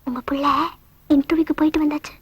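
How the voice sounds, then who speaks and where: A woman's voice: high voice, steady tone, fast talker, a little mellow, no echo. A woman speaking film comedy dialogue in a teasing, scolding way.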